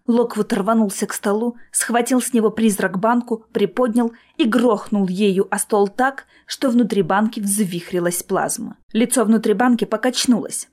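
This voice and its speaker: A woman narrating a first-person novel as an audiobook, with even storytelling delivery. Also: fairly high pitch.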